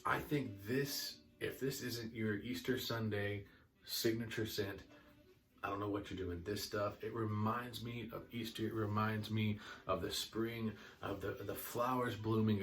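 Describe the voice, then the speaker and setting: Young male reviewer, low-ish, casual, enthused, filler-heavy, slightly distant mic. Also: steady tone, unhurried. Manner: chatty, enthusiastic, many fillers and restarts. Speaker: fragrance reviewer.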